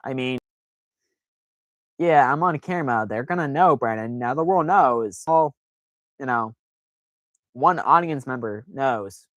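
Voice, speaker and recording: A man's voice: medium pitch, lively intonation, unhurried, pauses often, a bit bright, no echo, muffled recording. A man hosting a casual live stream, talking in a rambling, self-deprecating way with lots of fillers.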